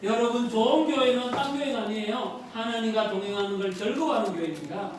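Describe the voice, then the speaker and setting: A woman's voice: fairly high pitch, fast. A woman pastor preaching a sermon, earnestly asking her congregation questions. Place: church sanctuary. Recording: echoey hall, distant mic, noisy.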